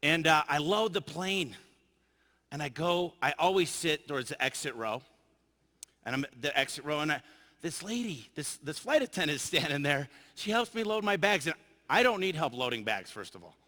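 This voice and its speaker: Animated man telling stories in a hall. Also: a little high, moderate pace. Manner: animated, acts out dialogue in his stories. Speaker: keynote speaker. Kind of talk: motivational storytelling speech. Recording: long hall reverb.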